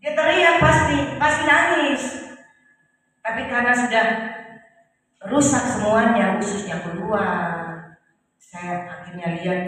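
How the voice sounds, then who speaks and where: A woman's voice: mid-range voice, fairly bright tone. A middle-aged woman preaching her testimony in a church hall, storytelling with emotion and voicing the people in her story. Her voice rings through a large room with long reverb and comes from some distance off the mic. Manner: emotional storytelling, acting out quoted cries. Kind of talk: sermon testimony.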